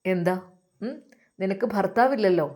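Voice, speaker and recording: Woman doing a pushy boss guy, low and coaxing, insists on getting his way. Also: moderate pace, mellow, natural voice. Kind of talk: storytelling voice acting.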